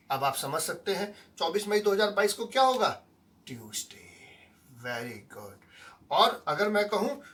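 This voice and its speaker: Male teacher with a very animated, up-and-down delivery who checks in with his students constantly. The mic sits far from him. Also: sits high. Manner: keeps asking the class questions and checking they follow; mixes English words and phrases into his explanations. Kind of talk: online lesson explaining calendar tricks. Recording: voice sounding distant from the mic.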